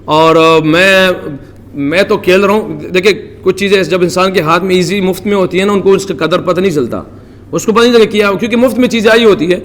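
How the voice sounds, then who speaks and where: A man's voice: high-pitched, in a large hall. A man from Pakistan, a cricketer, giving earnest, devout answers at a press conference. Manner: earnest, devout, many religious phrases.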